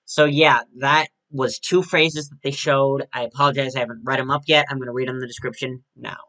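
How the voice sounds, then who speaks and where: Bright-voiced man casually reviewing a prop. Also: mid-range voice, steady tone, fairly quick, low-quality recording. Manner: chatty, with frequent restarts and self-corrections.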